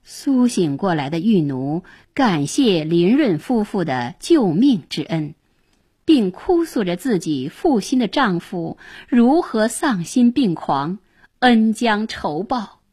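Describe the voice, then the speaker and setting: A woman storyteller narrates in a traditional, dramatic style. Her slightly husky voice rises and falls widely, and she takes her time with each phrase. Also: medium pitch, very animated, slow pace, a little mellow.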